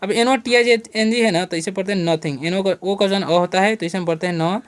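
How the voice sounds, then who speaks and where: A man's voice: high voice, fairly even intonation, fast talker. Patient man teaching spelling and pronunciation. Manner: asks rhetorical questions and then answers them; spells out words letter by letter. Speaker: English teacher, channel host. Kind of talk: spoken English lesson for beginners.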